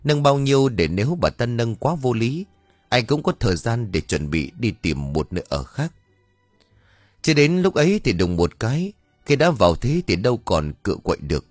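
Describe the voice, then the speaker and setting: A man, reading a ghost story in an expressive, dramatic way. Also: mid-range voice, normal speed, dry recording, faint music behind. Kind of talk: scripted narration of a ghost story.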